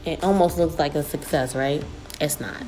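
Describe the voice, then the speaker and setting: A woman's voice: low voice, moderate pace, dark tone, faint music behind. A woman in her thirties talking casually through a wig review, chatty and self-deprecating. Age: 30s. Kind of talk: casual product review vlog.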